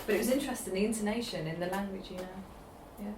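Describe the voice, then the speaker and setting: A woman's voice: medium pitch, fast talker, a little mellow, slight background noise. A woman researcher chatting in a group discussion, explaining her experiences in a storytelling way. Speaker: PhD researcher. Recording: roomy, distant meeting room mic.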